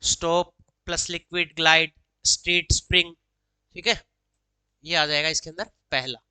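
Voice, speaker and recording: A woman teaching exam solutions, reading each English question slowly, then explaining quickly in Hindi mixed with English. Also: low voice, little pitch movement, pushed and bright, smooth, dry recording, rough recording. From Haryana, India.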